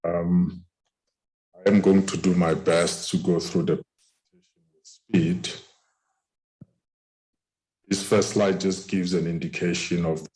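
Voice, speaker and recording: A very deep male voice coming through a group voice chat, with the audio dropping in and out. He speaks slowly in a measured, formal way. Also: flat delivery, a little mellow. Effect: group voice chat audio that keeps breaking up. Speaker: presenter. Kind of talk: giving a presentation over a group video call.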